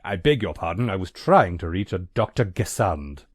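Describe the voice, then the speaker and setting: An actor playing a prim, long-suffering butler with formal, dry politeness in a game. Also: male voice, sits low, big pitch swings, moderate pace, breathy edge, no room sound, exaggerated voice. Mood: dry, polite.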